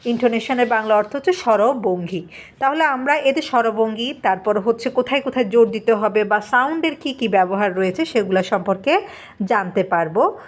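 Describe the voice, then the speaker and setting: A woman's voice: a little high, lively intonation, fairly quick. Woman teaching with patient explaining. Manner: patient step-by-step explaining with frequent "aah" fillers and check-ins. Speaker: English teacher. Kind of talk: classroom lesson explaining a textbook.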